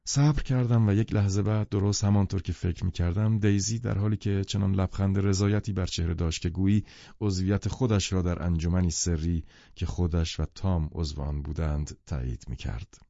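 A man gives scripted audiobook narration in a measured, even way, his voice low and mellow. The recording is dry and slightly dull, with a muffled top end. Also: gravelly, dry recording.

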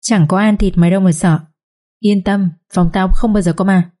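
A woman's voice: mid-range voice, fairly even intonation, moderate pace, mellow, natural voice. A woman voicing a stern young male master who is a doctor, curt and scolding, in a read-aloud story. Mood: bossy. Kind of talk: audiobook story reading.

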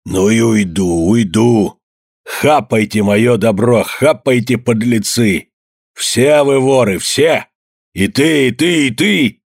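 An actor playing a furious, greedy old peasant man who shouts hoarsely, choking with rage. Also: mid-range voice, slow, no room sound, studio quality, full character voice. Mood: bitter. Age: older.

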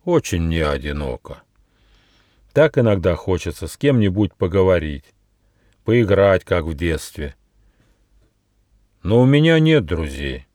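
A man's voice: deep voice, sing-song, unhurried, pauses often, no room sound, clean studio sound. A man doing a lonely, grand old tiger king. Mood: bitter. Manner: weary, grand, loud. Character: big lonely feared male tiger, king of the jungle.

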